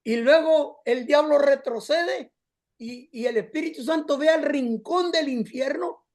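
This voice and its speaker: A pastor preaching a storytelling sermon, impassioned and addressing the congregation as brothers. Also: male voice, very high-pitched, measured pace, a little mellow.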